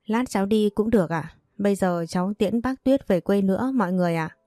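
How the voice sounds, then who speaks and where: A woman voicing a polite, gentle young pregnant wife in a read-aloud storybook. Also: medium pitch, brisk, no room sound, clean studio sound, close to an everyday voice. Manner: polite, soft-spoken.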